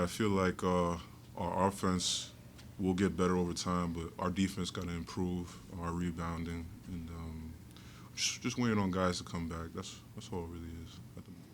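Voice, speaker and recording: A young college basketball player answering postgame questions in a measured way, with many pauses and fillers. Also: male voice, sits low, steady tone, a bit bright, slight background noise. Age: young adult. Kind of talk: postgame press conference answers.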